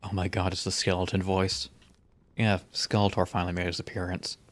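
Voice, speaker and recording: A man's voice: deep voice, flat delivery, a little fast, fairly bright tone. A man giving casual, wry gameplay commentary as a video game streamer.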